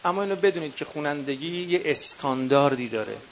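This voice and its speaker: A man's voice: fairly high pitch, animated, fairly bright tone, a little hiss or hum. A man with a Qom accent teaching a workshop for eulogy singers. He counts off numbered points and calls his listeners dear ones. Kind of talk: workshop lecture. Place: workshop session with a live audience.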